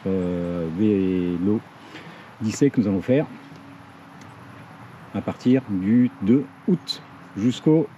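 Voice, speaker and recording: A man's voice: medium pitch, mellow. A man doing a casual, hesitant walkthrough of his bike gear for his channel, with many fillers and self-corrections. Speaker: cycling vlogger. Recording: dull lo-fi audio with faint ambient noise.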